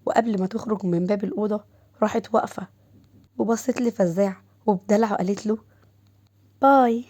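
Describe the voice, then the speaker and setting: An Egyptian woman reads a scripted story at an even pace. Her voice is mellow and dark, medium in pitch. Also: fast.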